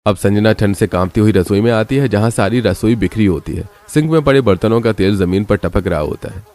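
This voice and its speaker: Deep-voiced male story narrator. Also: a little fast, darkish tone, soft background music.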